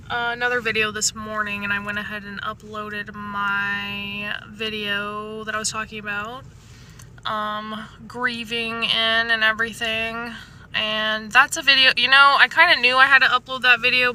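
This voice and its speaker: Woman vlogger in her parked truck, highish really bright voice, slangy rambly chat, bit of background noise. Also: level tone, moderate pace. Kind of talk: casual chat to camera. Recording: faint vehicle and outdoor ambient noise.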